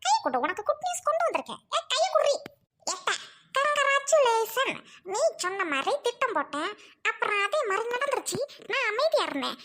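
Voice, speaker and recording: A woman's voice: extremely high pitch, sing-song, quick pace, pushed and bright, exaggerated voice. A woman playing a scheming young village wife who pleads with her husband and plots on the side, in a family web drama. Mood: excited. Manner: pleading then sly muttering asides.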